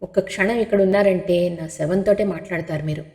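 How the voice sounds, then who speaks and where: A woman's voice: on the low side, fairly even intonation, fairly quick, mellow, natural voice. A woman reading the part of a distraught middle-aged mother who sobs and pleads, with a long hall reverb. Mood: anguished. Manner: wailing, pleading, self-reproaching.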